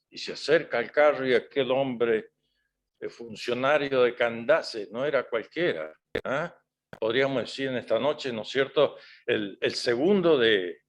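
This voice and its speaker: Man preaching with constant rhetorical questions. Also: mid-range voice. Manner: conversational preaching with frequent rhetorical tag questions. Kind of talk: sermon.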